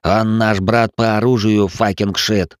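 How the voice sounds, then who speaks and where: Male reader as a deliberate, stubborn ghost captain, low voice, dry read. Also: dry recording, close to an everyday voice. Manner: slow, steady and stubborn. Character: stubborn man, a digital ghost ship captain.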